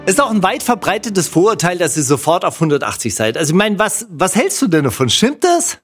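High-voiced lively male host. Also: fairly quick, slightly rough, faint music behind. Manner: lively storyteller, acts out quotes. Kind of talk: casual discussion.

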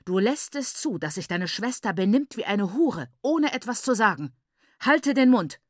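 A woman voicing an enraged, domineering middle-aged father who shouts and berates his daughter. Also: medium pitch, expressive, unhurried, no echo, studio quality, close to an everyday voice. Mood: furious.

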